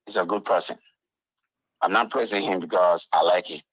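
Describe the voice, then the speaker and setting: A man phones into a talk show on a three-way call. His voice is low and forceful, coming over a dull phone line. He starts and restarts phrases in a deliberate, halting way. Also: steady tone, slightly rough, no echo. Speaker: phone-in caller.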